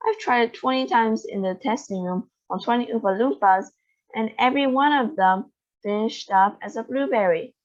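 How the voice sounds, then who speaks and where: Lady doing an eccentric candy man, sighing, kinda quiet, dull audio. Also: a little high, moderate pace, close to an everyday voice. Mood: rueful. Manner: sighing, rueful, matter-of-fact. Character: eccentric weary candy maker, adult man. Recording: dull lo-fi recording.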